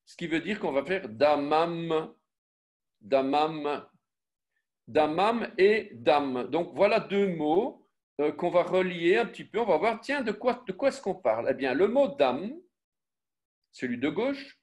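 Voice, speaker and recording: A man, slightly high in pitch, teaching an online Biblical Hebrew class. He speaks very slowly, spelling sounds out letter by letter. He breaks off with fillers and corrects himself as he goes. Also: expressive, a little mellow. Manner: slow, spells out syllables and letters one by one; self-correcting, with frequent fillers and restarts. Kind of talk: online class with screen sharing.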